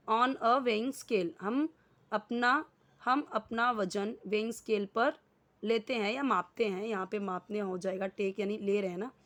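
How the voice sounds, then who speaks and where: A woman teaches English grammar, going word by word and explaining each one in Hindi. She speaks at a slow, unhurried pace. Now and then she asks a question and answers it herself. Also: fairly high pitch, fairly bright tone.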